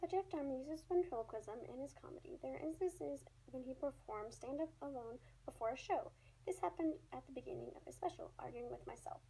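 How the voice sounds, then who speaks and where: A woman's voice: high-pitched, fairly quick, warm tone, husky, rough recording. A woman reading a scripted review aloud, as a presenter who now and then stumbles over the written words. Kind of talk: scripted narration read aloud.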